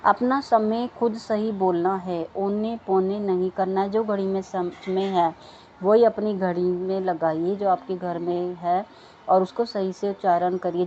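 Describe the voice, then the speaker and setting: A woman's voice: medium pitch, warm tone, muffled recording, slight background noise. A woman with children giving an earnest devotional talk to listeners, repeating words of thanks and chanting mantras. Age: adult with children.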